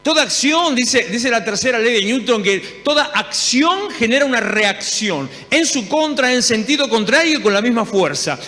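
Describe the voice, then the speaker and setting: A man with an Argentine accent preaching a sermon in a church, telling stories lively and acting out the dialogue. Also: very high-pitched, moderate pace, few pauses. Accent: Argentine Spanish. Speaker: pastor. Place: church hall. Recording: long hall reverb.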